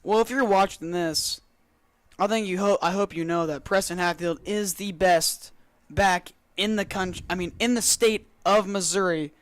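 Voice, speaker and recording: Guy doing color commentary for football, high voice, dry sound, hyped and emphatic. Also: normal speed, fairly bright tone, no echo. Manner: enthusiastic, emphatic, repeats phrases.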